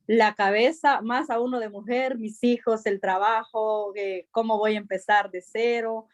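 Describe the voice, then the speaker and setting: A woman's voice: fairly high pitch, steady tone, measured pace. A woman in a church group sharing her thoughts earnestly and reflectively, with fillers.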